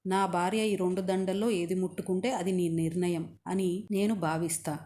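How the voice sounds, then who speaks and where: A woman's voice: lowish voice, steady tone, normal speed, mellow, natural voice. A woman storyteller voicing a pious, firm husband who reasons earnestly.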